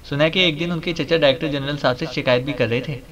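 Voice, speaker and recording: A man's voice: a little high, a bit bright, far from the mic, close to an everyday voice. A man reading an audiobook voices a polite junior officer who speaks respectfully.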